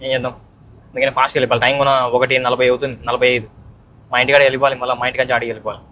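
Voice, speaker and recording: A man's voice: mid-range voice, little pitch movement, rapid-fire, a bit bright. A young man narrating a casual vlog, chatty and teasing as he talks straight to viewers. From Andhra Pradesh, India. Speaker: vlogger.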